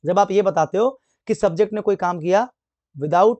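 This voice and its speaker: A man teaching an English grammar lesson online. He keeps asking the class questions and answering them himself, and he reads the English example sentences slowly. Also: high voice, a little mellow, no room sound, lo-fi sound. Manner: asks and answers his own questions.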